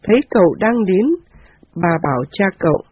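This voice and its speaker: A woman reading a scripture passage aloud in a steady, measured way. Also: on the low side, breathy edge, no echo. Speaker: scripture reader. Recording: dry, tinny phone-like sound.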